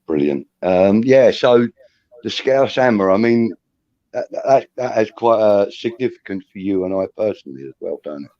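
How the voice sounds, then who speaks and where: Bloke hosting a chatty fan show, low voice, laughs a lot. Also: male voice, expressive, moderate pace, warm tone. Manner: chatty storyteller, laughs often, says um and uh. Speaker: host of a fan talk show. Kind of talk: casual chat. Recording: dull lo-fi recording.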